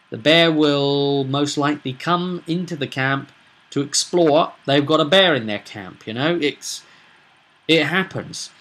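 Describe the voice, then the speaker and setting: Rambling and full of rhetorical questions, a British man offers casual, off-the-cuff game master commentary as host of a tabletop roleplaying vidcast. His male voice is on the high side, pushed and bright, and his tone is emphatic and opinionated.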